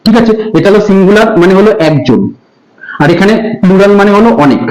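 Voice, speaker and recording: A teacher with a Bengali accent giving a grammar lesson to school students, patiently repeating key terms and asking whether the class has understood. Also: female voice, medium pitch, expressive, fast, darkish tone, roomy sound, poor audio.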